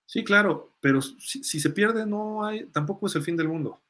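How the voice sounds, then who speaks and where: This man's voice sits high and a bit bright, moving at a normal speed. He hosts a live sports fan podcast, chatting casually and thinking aloud while he offers his takes and responds to listener comments.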